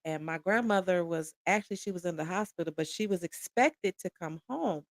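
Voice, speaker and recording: A woman from Detroit, a podcast guest, telling a personal story in an animated, conversational way. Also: on the low side, brisk, no echo.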